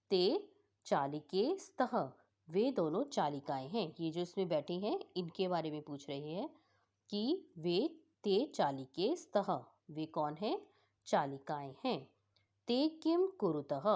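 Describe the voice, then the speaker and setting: A woman teacher patiently explaining a school lesson for exam revision, repeating each word slowly. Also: fairly low pitch, darkish tone, lo-fi sound.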